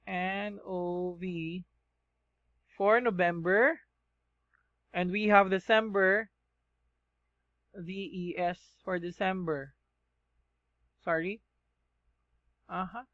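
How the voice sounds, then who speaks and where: Teaching shorthand, this Filipino-accented man goes slowly, naming letters one at a time and pausing to ask the class "okay?". He has a high, fairly bright voice with fairly even intonation. The sound is dry and lo-fi.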